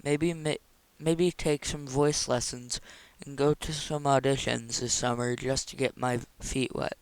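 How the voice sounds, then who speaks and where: A man's voice: medium pitch, steady tone, measured pace, clear, resonant tone, dry recording, natural voice. A man reading aloud voices a determined, earnest young woman insisting on her plans.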